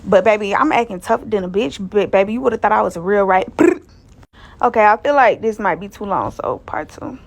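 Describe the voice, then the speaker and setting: A woman's voice: medium pitch, lively intonation, a little fast, creaky. A woman, casually telling a personal story in a loose, slangy, profane way. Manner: loose, profane, slangy retelling that acts out others' lines.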